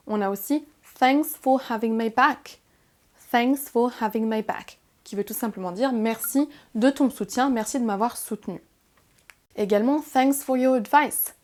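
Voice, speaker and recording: A young French woman teaching a beginner English lesson, who slows down and spells out each English phrase with careful, deliberate pronunciation. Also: a little high, a little mellow.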